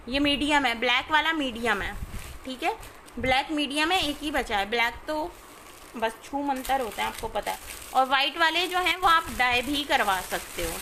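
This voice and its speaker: A woman, chatting informally as she sells clothes on a live stream and often checking in with her listeners, over clear background noise. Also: high-pitched, bright, forceful tone. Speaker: live online clothing seller. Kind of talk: casual live shopping sales chat.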